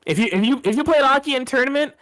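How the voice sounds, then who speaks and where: A man's voice: extremely high pitch, animated, rapid-fire, fairly bright tone. A man doing casual, hyped color commentary on a fighting game tournament, saying "dude" and "like" a lot. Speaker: esports co-commentator.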